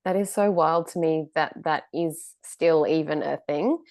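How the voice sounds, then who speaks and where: A woman hosts a podcast interview, warmly affirming her guest and then explaining ideas at length. Her voice sits on the low side. The recording is dry and close, with no room sound. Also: a little slow, no echo. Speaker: podcast host.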